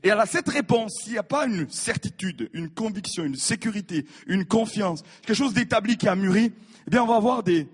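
A man preaching a sermon, animated, repeating his words and acting out the people in his stories. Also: high-pitched, fairly quick, slightly rough. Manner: animated, repeats words, acts out voices of biblical figures. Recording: reverberant hall.

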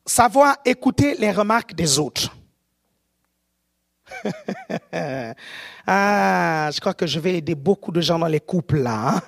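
A preacher with an African French accent gives a sermon, often shouting and checking whether the audience is following. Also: mid-range voice, slow pace, creaky, pauses often. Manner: animated, often shouting, keeps asking the audience if they follow.

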